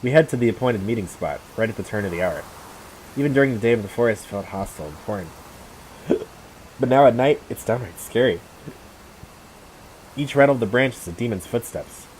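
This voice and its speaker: A man's voice: mid-range voice, expressive, fairly quick, pauses often, darkish tone, slight background noise, low-quality recording. A man hosting a let's play of a visual novel, reading the story aloud dramatically and adding joking asides. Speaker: gaming channel host.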